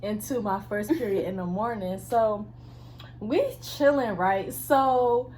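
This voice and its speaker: A woman's voice: mid-range voice, slow pace, a little mellow, a little hiss or hum. A young woman in casual chat, telling a school story with a laugh in her voice.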